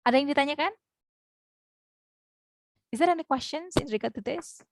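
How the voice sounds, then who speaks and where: A woman teaching an online English class, explaining slowly and modeling English phrases. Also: high-pitched, creaky, no room sound, clean studio sound.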